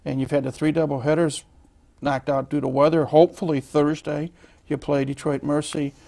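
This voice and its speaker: Reading out player stats with many fillers and restarts, the host of a college sports interview show stumbles along haltingly. He's a man whose slightly high voice is gravelly and mellow, held at a level tone.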